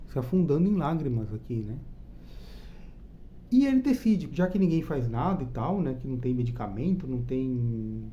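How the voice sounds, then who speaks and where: A Brazilian host with a Brazilian Portuguese accent chats enthusiastically about a comic book on his own channel, casually checking in with listeners through frequent tag questions. His mid-range, mellow voice swings widely in pitch at a normal speed, while the audio is dull with slight background noise.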